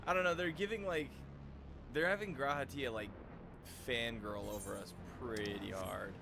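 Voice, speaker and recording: A man's voice: mid-range voice, moderate pace, creaky, noisy background. A man chatting casually as a streamer during gameplay. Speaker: gaming streamer.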